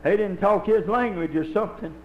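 Older man, Holiness preacher, fairly high voice, impassioned folksy sermon, recorded live with room echo. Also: fairly quick, highs cut off, slight background noise. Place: church with congregation. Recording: echoey live church recording.

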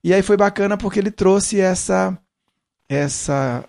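A man with a blended accent from Ceará, Pernambuco and São Paulo chats about his music. His voice sits a little higher than most men's, and he often stops mid-thought to reach for the right word. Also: vocal fry, darkish tone. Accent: Brazilian Portuguese, mixing Ceará, Pernambuco and São Paulo accents. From Ceará, Brazil. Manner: reflective, searching for words with frequent pauses. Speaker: musician guest. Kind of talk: casual interview chat.

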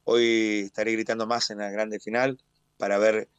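A man from Mar del Plata with an Argentine accent, a stadium announcer telling stories in a radio interview with animated pride. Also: on the low side, normal speed, clear, resonant tone, no room sound. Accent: Argentine Spanish, Mar del Plata. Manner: animated storyteller, proud and expansive.

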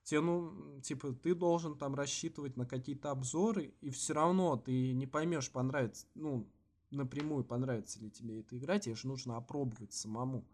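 A man co-hosting a podcast in casual, slangy chat with swearing, halting with many false starts and repeats. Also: mid-range voice, darkish tone. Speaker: podcast co-host.

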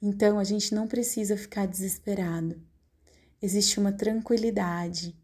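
Woman hypnosis guide, calm and directive, soft mellow voice. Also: medium pitch, breathy edge. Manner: slow, soothing, calmly directive. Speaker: meditation guide.

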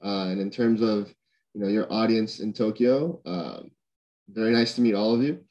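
Young man from Honduras, podcast guest, low-pitched, reflective, hesitant with fillers. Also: moderate pace, a little mellow, dull audio. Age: young adult. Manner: thoughtful, lots of fillers and restarts. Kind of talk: casual conversation.

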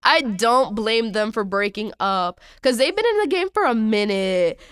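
A woman's voice: fairly high pitch, lively intonation, unhurried, a bit bright, clear, resonant tone, dry recording, clean studio sound. A young adult woman hosting a podcast, ranting in a casual, exasperated way with lots of slang and repetition. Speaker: podcast host.

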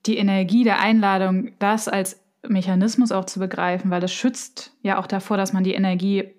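A woman's voice: medium pitch, flat delivery, a little fast, darkish tone. A woman hosting a conversation, listening closely with frequent murmured agreement and sharing her own view. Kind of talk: conversation, interviewing.

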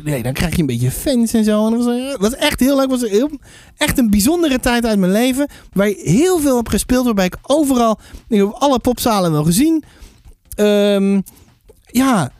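A woman's voice: a little high, darkish tone, dry recording, clean studio sound. A woman in her thirties from Drenthe hosting a podcast, chatting casually and rambling with many fillers and restarts. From Drenthe, Netherlands. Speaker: podcast host, book reviewer. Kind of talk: casual chat.

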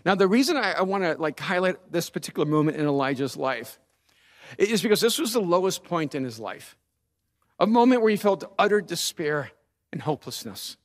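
A male pastor preaching a sermon, reading scripture with lively, sarcastic asides. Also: high voice, fairly quick.

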